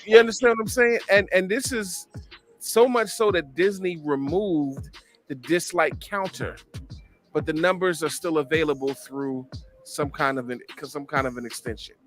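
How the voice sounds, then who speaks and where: A slightly high-voiced man hosting a relaxed talk show, animated and chatty, keeps asking "right?" to check in. There is soft music in the background. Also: moderate pace. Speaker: podcast host. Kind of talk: casual chat.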